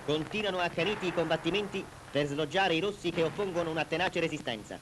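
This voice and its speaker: Speaking fast in a high-pitched voice, an Italian man gives solemn, declamatory narration for a wartime newsreel from the 1940s. The vintage soundtrack is very noisy and carries loud music.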